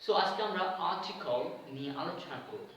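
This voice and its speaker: A man's voice: on the high side, lively intonation, brisk, a bit bright, a little hiss or hum. A man teaching English grammar in a lesson, explaining patiently and repeating each word and sound. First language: Bengali. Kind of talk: explanatory classroom-style lesson. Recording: very echoey room, mic at a distance.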